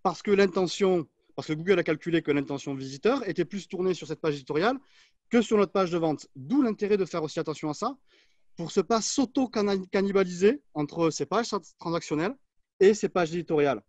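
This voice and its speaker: A man's voice: high-pitched, a little fast, a little mellow, dry recording, highs cut off. A man on a webinar panel giving expert advice in an assertive, structured way over a video call. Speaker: agency manager, panelist.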